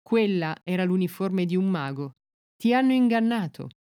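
A woman reading the lines of an old king who is secretly a magician, in a calm, measured way. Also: fairly low pitch, clean tone, no room sound, studio quality, close to an everyday voice. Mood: stern.

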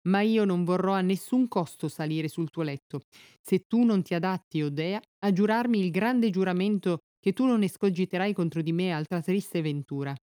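A stern, wary hero king standing his ground, as a woman reader voices him. The delivery is measured and formal, in a low, mellow voice. The sound is close and dry. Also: no room sound, natural voice. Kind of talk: epic poetry read aloud.

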